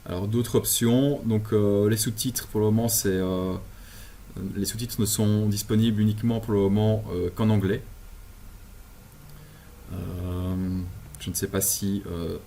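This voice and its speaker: A man from Belgium giving a relaxed software tutorial from his apartment over a video call, with many fillers and restarts. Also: fairly low pitch, measured pace, slight background noise. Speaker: instructor. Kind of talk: screen-share software tutorial. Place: home apartment.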